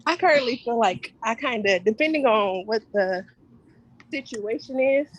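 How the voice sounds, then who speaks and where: A woman's voice: on the high side, expressive, moderate pace, lo-fi sound. A woman sharing her views in an online workshop, candid and chatty, slightly out of breath. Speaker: workshop participant. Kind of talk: casual discussion.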